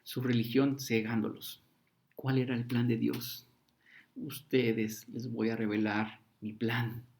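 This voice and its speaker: Animated preacher, man. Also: mid-range voice, slow, vocal fry. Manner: animated, acts out crowd voices with slang. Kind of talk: sermon.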